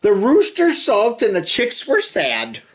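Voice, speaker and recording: A man reads a children's picture book aloud very slowly, his pitch swinging widely in an expressive, sing-song delivery. He stretches out phrases and drops in chatty little asides to the young listener.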